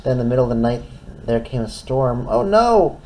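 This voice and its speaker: A man's voice: medium pitch, completely flat delivery, fast talker, mellow, slight background noise, rough recording. A man reading a children's story aloud expressively, in simple phrases as if to a toddler. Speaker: storytime reader.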